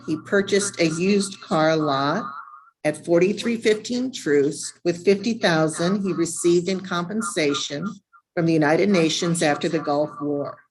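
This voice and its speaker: A woman attorney presenting her client's case at a hearing over a remote call, measured and factual, with her words echoing back doubled from two devices. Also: low-pitched, slight background noise. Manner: measured, reads facts and exhibit numbers. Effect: heavy echo doubling her words from two devices. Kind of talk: formal statement at a zoning hearing. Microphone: computer on a remote call. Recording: echoey remote call audio.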